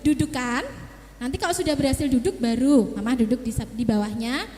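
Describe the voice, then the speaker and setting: A woman's voice: a little high, a little fast, mellow, a little hiss or hum. A middle-aged woman, a child psychologist, talking to parents in a seminar, coaching them and acting out little scenes between mother and child. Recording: echoey hall reverb.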